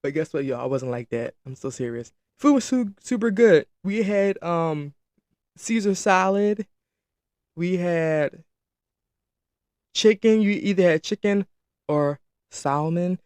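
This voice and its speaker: Young guy host, slightly high voice, dry close sound, lively casual story-time delivery. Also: slow pace, pauses often, dry recording. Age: late teens. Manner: chatty, animated, addresses viewers as y'all. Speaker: podcast host.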